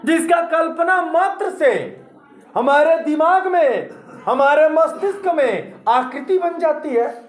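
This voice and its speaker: A man's voice: extremely high pitch, slow, reverberant. A male coaching teacher, giving a motivational exam-prep lesson and asking and answering his own questions.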